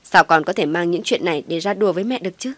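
A woman's voice: fairly low pitch, quick pace, a bit bright, no room sound. A woman voicing an anxious young husband who speaks in an urgent, pressing way. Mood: angry.

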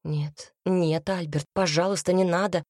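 A woman's voice: fairly low pitch, steady tone, measured pace, darkish tone, no room sound, clean studio sound. A woman reading the part of a self-sacrificing young woman in a storybook, speaking in an earnest, pleading way.

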